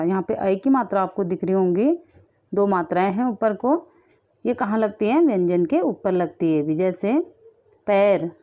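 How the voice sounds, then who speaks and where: Patient woman teaching young children. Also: mid-range voice. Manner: patient, repeats each word slowly. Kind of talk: children's lesson. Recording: muffled lo-fi audio.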